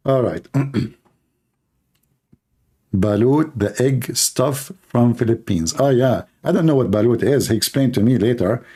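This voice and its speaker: An Arabic-accented man from the Middle East, a native speaker of Arabic, hosts a live stream as a religious apologist. He speaks unhurriedly in a mid-range voice that is dark and slightly rough, and his manner is casual and blunt.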